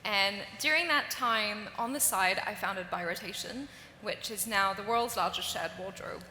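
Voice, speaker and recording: Bright-voiced woman founder on a panel. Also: mid-range voice, a little slow, slight background noise. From grew up in Singapore. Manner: earnest and emphatic. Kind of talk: live panel talk. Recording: roomy hall with faint ambience.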